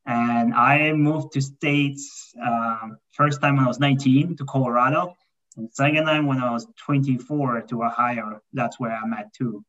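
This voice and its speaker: A man's voice: mid-range voice, unhurried. A man in his thirties from Kazakhstan, a guest talking casually in an interview and often saying "yeah" and "for sure.". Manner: relaxed, repeats "for sure" and "yeah". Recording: muffled lo-fi call audio.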